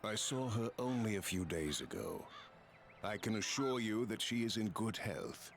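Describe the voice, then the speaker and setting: Wooden, low-voiced cagey messenger. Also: male voice, moderate pace. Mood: guarded, insistent. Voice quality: wooden, unconvincing delivery. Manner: stilted, flat bad acting. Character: cagey messenger man Gandahar serving sinister masters. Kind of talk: video game dialogue. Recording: game audio with noisy outdoor ambience.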